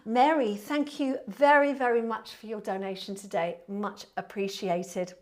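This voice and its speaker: A woman with a southern English accent chatting casually to viewers as a Pilates instructor, in a warm, friendly, chatty manner. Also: mid-range voice, steady tone, unhurried. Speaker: Pilates instructor and online class host. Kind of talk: casual livestream chat to viewers. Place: indoor studio.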